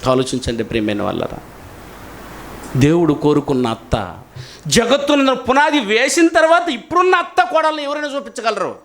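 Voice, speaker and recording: A male pastor preaching a sermon in an animated way, often putting questions to his congregation. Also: very high-pitched, moderate pace. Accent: Telugu.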